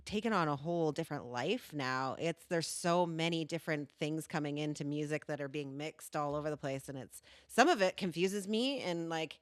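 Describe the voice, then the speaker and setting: A woman's voice: deep voice, moderate pace, hardly any pauses, clean tone, no room sound, studio quality. A middle-aged woman hosting a podcast, chatting casually, swearing often and laughing easily. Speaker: podcast host. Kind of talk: casual chat.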